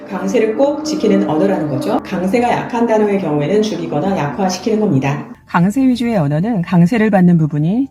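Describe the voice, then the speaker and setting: A woman's voice: mid-range voice, mellow. A woman teaching English pronunciation in a friendly scripted lesson, speaking directly to her viewers. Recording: echoey room with faint background noise.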